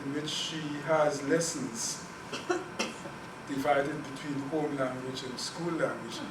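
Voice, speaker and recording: A Guyanese guest speaker on Caribbean languages gives an academic talk and takes questions, his medium-pitched voice unhurried. He is earnest and often repeats words while thinking. The room is echoey and noisy, picked up by a distant mic.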